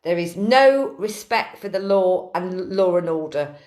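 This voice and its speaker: A woman voicing a blunt, stern French man with a deliberately broad put-on French accent. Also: high voice, animated, darkish tone.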